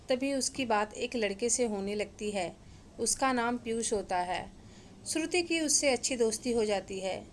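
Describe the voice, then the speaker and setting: A woman narrates a scripted moral story in an even, expository way. Her voice sits slightly high. A faint hum of ambience runs beneath.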